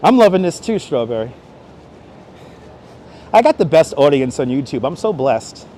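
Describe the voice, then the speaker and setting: Fairly high-pitched yet dark in tone, his sing-song voice moves at normal speed. He's a livestream host on busy Manhattan streets, exploring outdoors and playfully chatting and exclaiming to his audience, recorded with a wireless clip-on mic against street noise.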